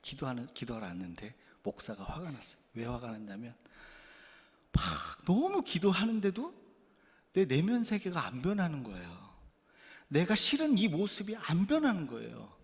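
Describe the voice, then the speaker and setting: Animated pastor in an echoing church. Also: male voice, fairly high pitch, normal speed. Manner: animated, swings between quiet asides and loud emphatic bursts; candid, self-deprecating confession. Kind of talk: storytelling sermon.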